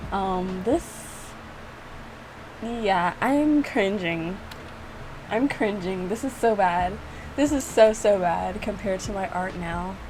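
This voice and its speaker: Slowly and expressively, a young woman who creates gaming reaction videos offers casual, self-deprecating commentary, reading lines aloud and repeating phrases as she goes. Her medium-pitched voice is slightly mellow. The audio quality is poor, with a bit of background noise.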